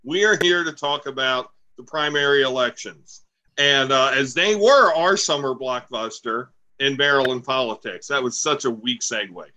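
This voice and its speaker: A man's voice: medium pitch, moderate pace, bright, forceful tone, slight background noise, low-quality recording. A man co-hosting a casual political chat show, joking and rambling with playful asides. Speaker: podcast co-host. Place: home, recorded remotely.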